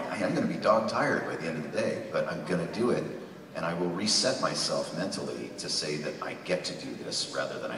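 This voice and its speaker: A man's voice: very deep voice, vocal fry. A man in his sixties speaking as a voice actor on a convention panel, wry and joking. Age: 60s. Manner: wry, dry jokes. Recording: echoey hall from far off, crowd.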